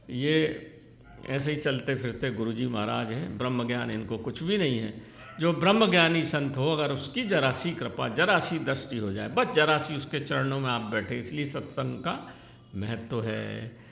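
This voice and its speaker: Gravelly-voiced man teaching devotional practice. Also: medium pitch, a bit bright. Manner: earnest, instructive, chants syllables and verses. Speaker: spiritual teacher. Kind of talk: devotional instruction talk. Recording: echoey room with faint ambience.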